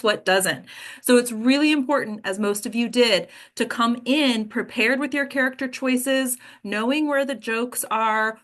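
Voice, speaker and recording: A woman with a fairly high, bright voice and a forceful tone hosts an informal talk where she coaches actors. She's frank and speaks directly to her listeners.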